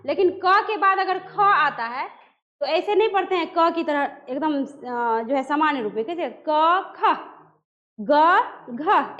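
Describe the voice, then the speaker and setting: A woman's voice: extremely high pitch, a bit bright. A woman teacher giving a grammar lesson, who puts questions to her students, answers them herself and sounds out letters one by one. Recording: dull lo-fi recording.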